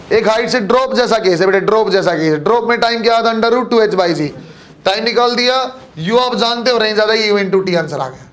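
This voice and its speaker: Male physics teacher with a high-pitched voice, lecturing a class, fond terms for students, poses his own questions. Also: a bit bright. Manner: addresses students as beta and bachhon, asks and answers his own questions.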